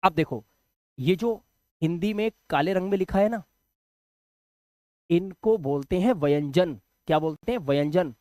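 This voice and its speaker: A man teaches beginners step by step, with a slightly rough throat. He keeps asking the viewer questions and repeats each key word. The sound is dry and close, with no room around it. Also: high voice, measured pace, long pauses, a little mellow, no room sound. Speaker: English teacher. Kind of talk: classroom explanation.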